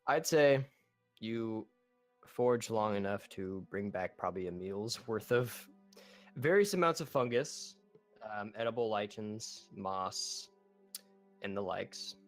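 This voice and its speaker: A man's voice: fairly low pitch, animated, takes it slowly, soft background music. A man running a tabletop game over voice chat, narrating in a loose, casual way with restarts and fillers. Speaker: game master. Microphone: online voice chat.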